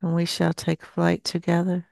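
A woman in her sixties trance channeling as a seance medium, speaking solemnly and slowly with long pauses. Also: lowish voice, monotone, creaky, a little mellow, dry recording. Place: small dim indoor room. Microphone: headset.

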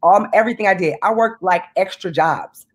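Husky animated woman on a webcam at home, emphatic, keeps preaching about money. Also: lowish voice, fairly quick. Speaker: guest, business owner. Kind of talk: video call interview. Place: home room indoors. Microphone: video call webcam.

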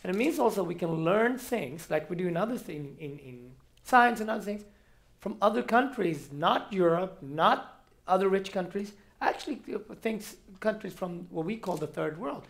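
A man from Ethiopia speaking on a stage panel, animated and restarting often. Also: high voice, normal speed, creaky. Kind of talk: panel discussion. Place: large auditorium stage. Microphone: headset mic.

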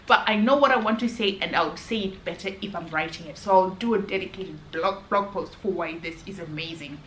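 Filming at arm's length indoors in a hotel room, a woman in her thirties vlogs about skincare, sincere and casual, though she frequently starts over; English isn't her first language. She speaks on the low side, a little fast and a bit bright, against echo and a faint background hum.

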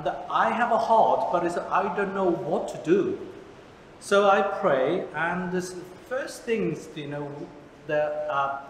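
A man in his forties, originally from South Korea, a pastor speaking in halting second-language English with many fillers, interviewed in a church hall. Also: on the high side, slight background noise. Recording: echoey hall with background music.

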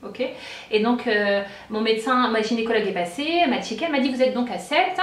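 Lively woman vlogger, echoey and distant. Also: on the high side, quick pace. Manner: animated, acts out quoted lines, many fillers and restarts. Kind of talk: casual storytelling vlog. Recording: roomy echo, away from the mic.

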